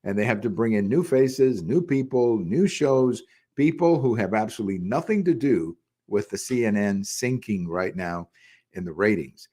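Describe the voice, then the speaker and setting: An older man hosting a solo political commentary show, talking conversationally with frequent pauses and restarts. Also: on the low side, lively intonation, warm tone. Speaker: podcast host.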